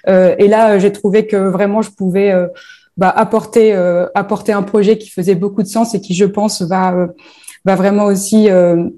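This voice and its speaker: Answering an interviewer, a northern French woman who founded a bereavement platform explains her work haltingly, with many pauses and fillers. Her medium-pitched voice is mellow and warm, though her delivery is flat.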